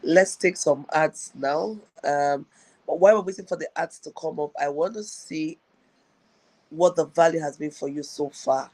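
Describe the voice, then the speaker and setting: A woman's voice: low-pitched, normal speed, darkish tone, no echo, poor audio. A woman coach hosting a live-streamed talk show, addressing viewers directly and repeating her key phrases. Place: live online broadcast on a slow connection.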